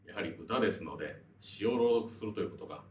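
Man, vocal teacher; lower pitch, courteous explanations, distant roomy sound with light hiss. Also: expressive, fast. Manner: polite, explanatory, frequent fillers. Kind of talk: explanatory lesson.

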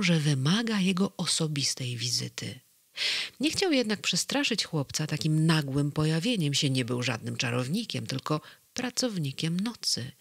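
A reader telling a children's bedtime story in a slow, gentle and expressive way. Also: medium pitch, no room sound.

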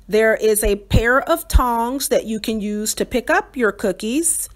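A woman with a slightly high voice narrates a doll-toy unboxing review. She sounds cheerful and enthusiastic, describing each piece in detail with the odd "um" and "like". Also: measured pace. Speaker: doll channel host.

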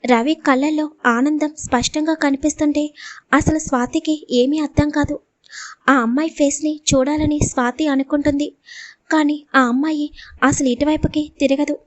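A woman storyteller reading a scripted audio story with steady, dramatic narration, close to the mic. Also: high voice, moderate pace, no room sound, highs cut off.

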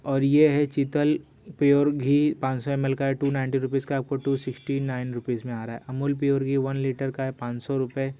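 Flat-voiced man reading prices. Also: mid-range voice, a little fast, slight background noise. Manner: repeats "doston" often, reads prices aloud. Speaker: YouTube host. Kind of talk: screen-recorded product walkthrough.

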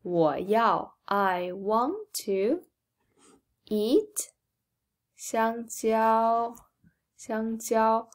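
Woman doing a hungry little storybook pig: slightly high, very slow, emphatic. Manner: slow, drawn-out, emphatic reading. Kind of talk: storybook read-aloud.

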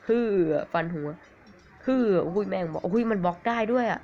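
A man with a cold giving rambling, excitable commentary on a mobile game, swearing at it now and then. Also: high-pitched, normal speed. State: has a cold. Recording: dull lo-fi recording with faint hiss.

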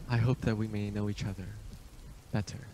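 An actor playing a suave, imperious Transylvanian vampire count in a radio play, speaking with formal, deliberate, ominous politeness. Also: male voice, on the low side, steady tone, background noise, close to an everyday voice. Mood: courteous, ominous.

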